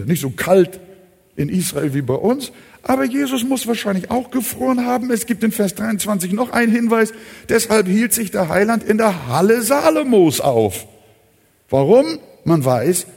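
Man, preacher, sermon, emphatic, high lively voice, direct rhetorical questions, long hall reverb. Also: vocal fry, husky. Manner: emphatic, swings between loud urgent appeals and quiet low asides.

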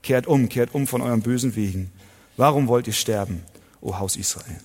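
A man preaching a sermon to his congregation, emphatic, asking rhetorical questions and swinging between loud and soft. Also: medium pitch, moderate pace, a little hiss or hum. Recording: long hall reverb.

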